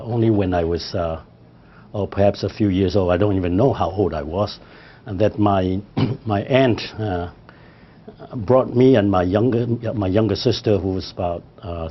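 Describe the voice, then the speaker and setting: In a formal oral history interview, an older Hong Kong librarian whose first language is Cantonese speaks with frequent hesitations. His voice sits on the low side, and the audio sounds dull.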